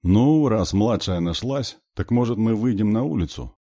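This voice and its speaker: A man's voice: fairly low pitch, expressive, normal speed, dark tone, no echo, clean studio sound, voice pushed up. A male reader voicing a cocky teenage boy who speaks in an offhand drawl.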